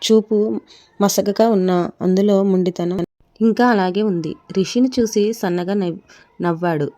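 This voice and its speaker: A woman narrating a dramatic story in a steady reading style. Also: mid-range voice, a little slow.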